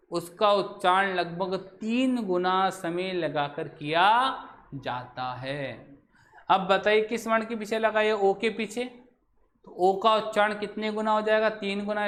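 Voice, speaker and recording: A man's voice: sits high, a bit bright. A male teacher explaining a grammar lesson while writing on a board, who asks his students questions and then answers them himself.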